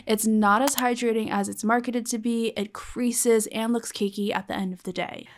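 A woman's voice: on the high side, fairly even intonation, moderate pace. A young woman in her twenties talking as a beauty vlogger, chatty and upbeat, calling viewers babes and friends. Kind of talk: shopping vlog voice-over.

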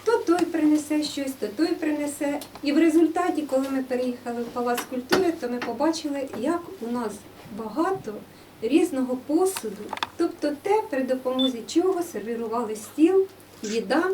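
A woman from the museum staff talking an audience through the exhibits in a steady, explanatory way. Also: sits high, fairly quick, background noise. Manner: steady, explanatory, with occasional fillers. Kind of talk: guided talk about exhibits. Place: indoor museum room. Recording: distant room microphone.

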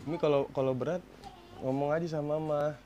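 A man filming a prank on his wife at home, speaking tenderly and coaxing, then turning loud and laughing. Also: on the high side, steady tone, fast, background noise. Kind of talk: casual home prank vlog.

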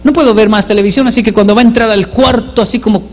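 Animated man telling stories on stage. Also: sits high, rapid-fire, in a large hall. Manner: animated, acts out voices, self-mocking. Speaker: comedian. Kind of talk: stand-up storytelling.

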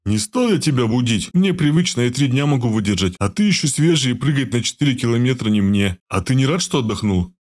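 A man voicing a big, bearded, blunt and mocking comrade in an audiobook with a rough, teasing delivery. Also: mid-range voice, animated, quick pace, few pauses, darkish tone, close to an everyday voice.

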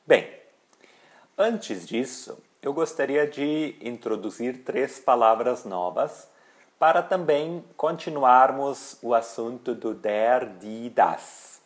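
Man, language teacher, very slow pace, mid pitch, deliberate. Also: animated. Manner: slow, deliberate, spells out example phrases. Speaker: German teacher. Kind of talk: language lesson.

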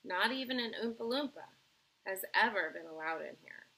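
An eccentric grown man who invents sweets, bursting with eager, emphatic exclamations in a storybook reading. His voice is bright and forceful with a gravelly, slightly husky grain, as a woman reading aloud puts him on. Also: medium pitch, animated, moderate pace, exaggerated voice, poor audio. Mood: excited. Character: excitable eccentric male candy-maker, grown man.

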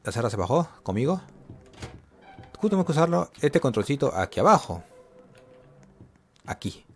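A man's voice: medium pitch, big pitch swings, normal speed. A man giving casual gameplay commentary, talking to himself and getting jumpy and scared as he plays. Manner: jumpy, talks to himself while playing.

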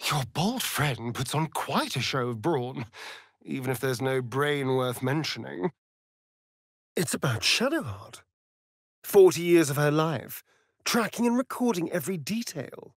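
The same kind of role, a teasing, vain vampire elf rogue for a fantasy game, is played in full character by a man with a husky, medium-pitched voice. He lingers languidly over each phrase, mocking in an English accent with swooping, theatrical intonation. The recording is dry and close, without any room sound.

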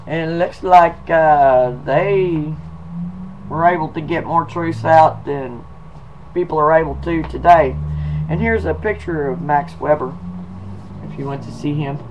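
Slow, folksy sounding man. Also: on the high side, highs cut off, background noise. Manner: folksy, slow, drawling delivery with y'all and 'em. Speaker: video blogger. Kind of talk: casual reading and storytelling.

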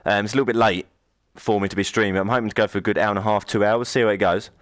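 Man, low voice, game stream commentary, chatty, joking. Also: fairly even intonation, racing, no room sound, studio quality. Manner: chatty, joking, reads game lines aloud. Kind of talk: live let's-play commentary.

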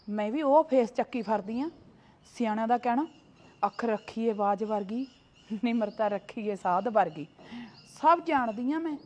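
Woman as a high-pitched, scolding wife, dull lo-fi audio. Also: darkish tone, natural voice. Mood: scornful. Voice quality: scolding, full of sayings. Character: proud, sharp-tongued young married woman, defiant toward her sly sister-in-law. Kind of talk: short family drama.

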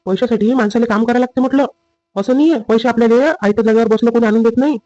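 A man playing a dutiful husband and son in a family drama skit, with a rapid, lecturing manner. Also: very high-pitched, fairly even intonation, dark tone, no echo, lo-fi sound.

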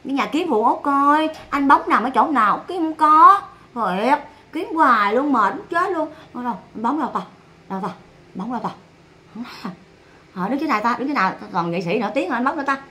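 Southern Vietnamese woman streamer, high bright voice, blunt and mocking. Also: lively intonation, brisk. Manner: scolding, sarcastic, blunt. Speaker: livestreamer. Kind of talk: ranting livestream commentary.

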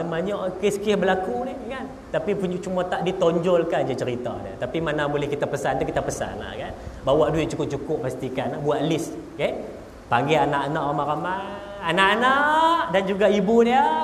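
A man's voice: on the high side, lively intonation, fairly quick, a little hiss or hum. A male preacher with a Malaysian Malay accent, giving a humorous religious lecture and speaking straight to his audience with joking stories. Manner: joking, storytelling, addresses audience directly. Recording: echoey hall with long reverb.

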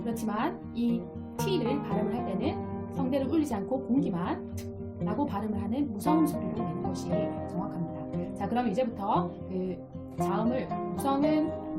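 A woman teaching English phonics, explaining patiently step by step and repeating each sound. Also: fairly high pitch. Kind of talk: explaining lesson. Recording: soft guitar music behind. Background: quiet guitar music.

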